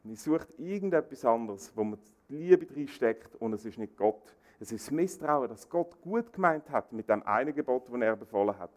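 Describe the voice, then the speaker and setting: A man preaching a sermon, animated, acting out quoted dialogue. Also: normal speed, few pauses. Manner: animated, acts out quoted dialogue with rising pitch.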